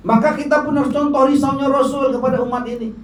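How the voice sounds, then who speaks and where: A man's voice: extremely high pitch, fairly even intonation, quick pace. A man preaching a colloquial sermon to a gathering, often addressing the crowd directly, recorded from a distance in an echoing hall. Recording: echoey hall, distant mic, faint noise.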